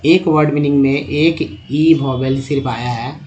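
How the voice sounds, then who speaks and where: A man's voice: fairly high pitch, steady tone, a little slow, a little mellow, muffled recording. A man giving a spoken lesson on English pronunciation, spelling out letters and repeating words as he explains step by step. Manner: addresses viewers as friends, checks understanding. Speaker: English teacher.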